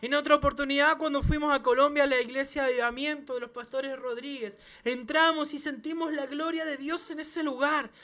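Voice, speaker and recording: A man, a pastor, preaching a sermon to his church with emphatic repeated phrases and quick restarts. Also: very high voice, flat delivery, pushed and bright. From Chile. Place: church service.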